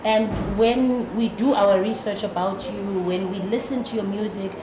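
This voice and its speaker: A South African woman hosting a podcast interview, lively, mixing Zulu words into her English questions. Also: medium pitch, moderate pace, a crowd in the background. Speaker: podcast host. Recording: echoey room with background noise.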